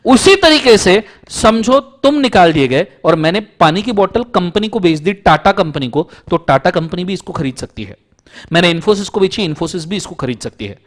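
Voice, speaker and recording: A young man giving an exam-prep law lecture, explaining points with everyday examples and checking in with his students. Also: sits high.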